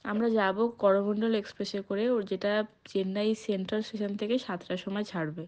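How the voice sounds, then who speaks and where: A woman's voice: mid-range voice, steady tone, fast talker, a little mellow. A woman narrating a casual travel vlog, chatting directly to her viewers. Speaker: travel vlogger. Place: train journey.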